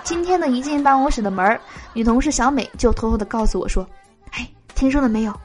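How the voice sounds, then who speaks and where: A woman podcast host reading out jokes in a lively way, laughing between them. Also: a little high, fast talker, soft background music.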